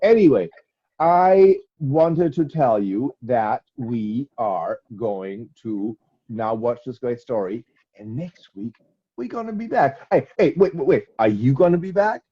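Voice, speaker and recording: A man's voice: mid-range voice, animated, unhurried, slightly rough, dull audio. A man co-hosting a children's show in a chatty presenting style.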